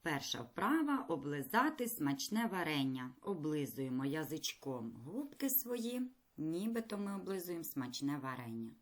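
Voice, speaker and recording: A woman teaching a primary school lesson in a recorded video, speaking clearly, patiently and encouragingly. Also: low-pitched, big pitch swings, normal speed.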